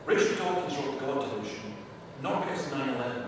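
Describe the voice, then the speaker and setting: A man with a Scottish accent answers questions at a church seminar, telling lively anecdotes at a quick pace and acting out shouted quotes. A distant camera microphone picks him up in a large, echoey hall, so the recording sounds far off and noisy.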